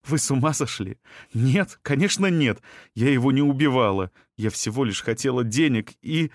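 A man voicing a shrill, defensive young woman suspect who talks back indignantly under questioning. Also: lively intonation, normal speed, no room sound, clean studio sound, natural voice.

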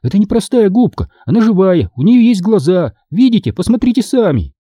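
Brief: male reader as earnest young girl, pleading and insistent, pitched up high. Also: big pitch swings, fairly quick, warm tone, dry recording, studio quality. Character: determined anxious schoolgirl narrator.

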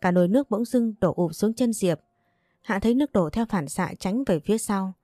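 A woman telling a family drama story in measured scripted narration. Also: medium pitch, dark tone, no room sound, studio quality.

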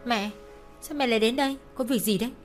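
A woman's voice: on the high side, fast, over music, voice pushed up, lightly acted. A woman voicing a meek, timid young daughter who speaks politely in a storybook reading.

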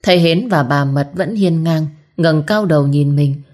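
A woman's voice: low voice, normal speed, a little mellow. A woman storyteller giving a vivid, dramatic audiobook narration.

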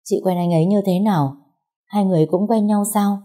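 A woman's voice: medium pitch, fairly even intonation, brisk, dark tone, natural voice. Woman voicing a sobbing pregnant young woman. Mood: tearful pleading. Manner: sobbing, pleading. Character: tearful pregnant young woman, abandoned and pleading.

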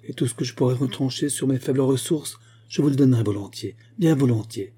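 A man voicing an anxious, gentle old male bank clerk who pleads in a trembling way. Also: mid-range voice, brisk, husky, pitched above the performer's own voice, natural voice. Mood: tender.

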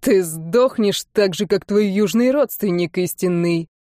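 A woman voicing a villainous male warlock duke with a hoarse voice, a slight burr and a slow, mocking, taunting delivery. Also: mid-range voice, dark tone, dry recording, clean studio sound, lightly acted. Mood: menacing.

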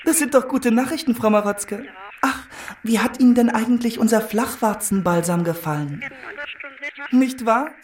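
A woman's voice: a little high, moderate pace, darkish tone, close to an everyday voice. An actress playing a chirpy woman selling skin creams over the phone in a radio drama. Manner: chirpy salesy, then scolding.

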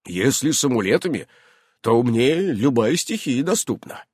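A man's voice: mid-range voice, big pitch swings, normal speed, a little mellow, breathy edge, no room sound, clean studio sound, voice pushed up. A man voicing a stiff, formal grown man, a dragon in human shape, who speaks solemnly and takes offence easily. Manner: solemn, officious, sulky. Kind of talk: audiobook character voice.

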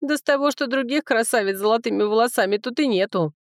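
A woman's voice: on the high side, quick pace, no echo, studio quality, pitched above the performer's own voice, natural voice. A woman reading an audiobook, voicing a brusque, mocking young man. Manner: brusque, scoffing. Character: brash, mocking young man, hot-tempered.

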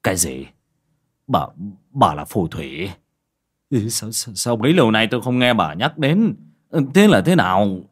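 Man doing a flustered old village husband, stammering, husky voice, storybook audio. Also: mid-range voice, huge pitch swings, normal speed, darkish tone, exaggerated voice. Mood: shocked. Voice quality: agitated, stammering.

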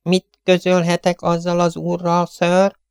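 A man voicing an old, coolly formal butler who speaks slowly and stays unruffled in an audiobook reading. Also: sits high, completely flat delivery, gravelly, clean tone, no room sound, studio quality, voice pushed up.

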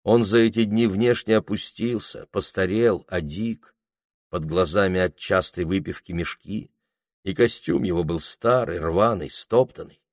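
A man narrating an audiobook in a measured, expressive storytelling manner. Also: low voice, no echo, clean studio sound. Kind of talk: audiobook reading.

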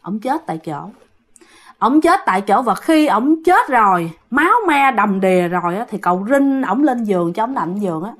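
A woman's voice: mid-range voice, animated, moderate pace. Chatty Southern Vietnamese woman storyteller. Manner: chatty, repetitive, addressing listeners. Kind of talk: conversational ghost story telling.

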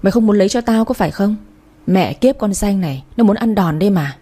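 A woman voicing a drunk, slurring older brother who bullies his sister, reading him in a fast, belligerent manner. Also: mid-range voice, animated, dark tone, breathy edge. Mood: drunken bullying.

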